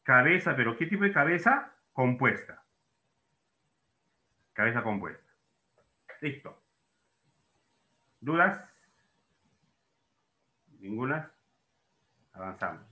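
A man's voice: mid-range voice, sing-song, takes it slowly, pauses often, bright, forceful tone, echoey room. A man teaching a lesson, asking and answering his own questions and putting students' doubts into words. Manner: explains in questions, voicing students' doubts himself. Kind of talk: classroom lesson.

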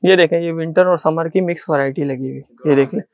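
A man's voice: a little high, steady tone, quick pace, no echo, clean studio sound. Man with a Pakistani Urdu accent, selling coats. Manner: repetitive, insistent salesman patter. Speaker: shopkeeper. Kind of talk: sales pitch to a vlogger. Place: small indoor clothing shop.

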